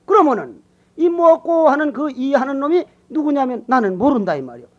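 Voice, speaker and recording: An older man, a Buddhist monk, giving a colloquial, teasing sermon that swings between loud calls to the congregation and quiet asides. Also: very high voice, big pitch swings, a little fast. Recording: dull lo-fi sermon recording.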